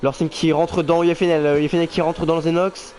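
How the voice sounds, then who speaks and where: A man's voice: fairly high pitch, flat delivery, fast, a little mellow. A man doing informal live motorsport commentary on an online race, reacting with exclamations and thinking aloud. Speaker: motorsport commentator for an online sim racing league. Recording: clear background noise.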